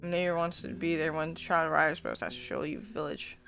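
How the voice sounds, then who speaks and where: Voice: medium pitch, flat delivery, brisk, creaky, a bit bright, faint music behind. A streamer playing a folksy village gate guard. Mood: chatty. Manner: folksy lilt, attempted Irish or Scottish accent. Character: friendly rustic village gate guard, adult man.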